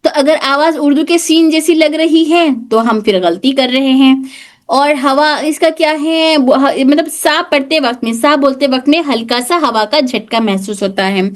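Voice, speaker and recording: A woman teaching an online tajweed class in a high voice. She explains where each letter is formed and repeats the sounds slowly for her students. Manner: demonstrates letter sounds repeatedly, explains patiently with English loanwords.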